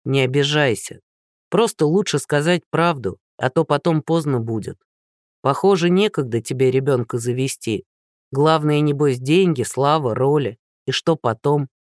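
A narrator voicing a blunt, unflappable small-town army captain who speaks plainly. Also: male voice, a little high, moderate pace, no echo, clean studio sound, lightly acted. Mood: lecturing.

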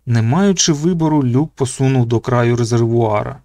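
A man narrates a novel in a steady, measured storytelling voice at an ordinary pitch. He is close to the mic, and the recording is dry with no room echo. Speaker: audiobook narrator. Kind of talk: scripted narration.

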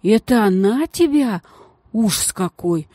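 Женщина озвучивает в аудиокниге вспыльчивую девочку лет двенадцати с писклявым голосом. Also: female voice, animated, mellow, no echo, studio quality. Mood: shocked. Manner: squeaky, quick to flare up. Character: excitable schoolgirl of about twelve.

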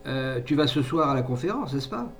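A man voicing a bitter, jealous, domineering middle-aged mother in an indignant, scornful tirade, recorded from a distant mic with faint rumble. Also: sing-song, normal speed, darkish tone.

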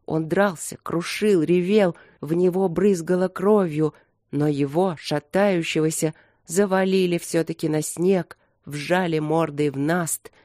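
An audiobook narrator reading a grim battle scene in a measured way. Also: medium pitch, fairly even intonation, a little mellow, no echo, clean studio sound.

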